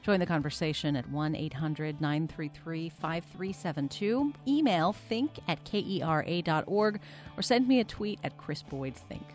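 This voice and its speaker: A radio talk show host with a measured, composed delivery, introducing a guest and asking questions. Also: female voice, sits low, expressive, soft background music. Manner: measured, reads promos smoothly. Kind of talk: public radio interview.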